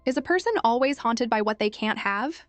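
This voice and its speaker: A woman's voice: expressive, a little fast, no echo, faint music behind, natural voice. A woman voicing a bitter, brooding rich man. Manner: low, bitter murmur.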